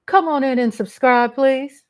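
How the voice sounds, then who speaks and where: A woman's voice: high-pitched, a little slow. A woman hosting her own live-stream vlog, speaking off the cuff in a blunt, emphatic way with casual swearing. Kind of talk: unscripted live commentary.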